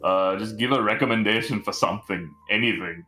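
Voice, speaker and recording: A man's voice: fairly low pitch, fairly quick, pushed and bright, low-quality recording. A young man co-hosting a podcast, steering the casual chat back on topic with dry remarks. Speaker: podcast co-host.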